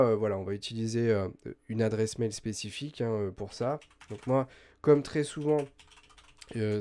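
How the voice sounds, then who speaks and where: A man hosting a software tutorial, explaining step by step in a chatty way, full of hesitations and self-corrections. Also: fairly low pitch. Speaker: host of a web tools tutorial channel. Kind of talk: screen-recorded software tutorial.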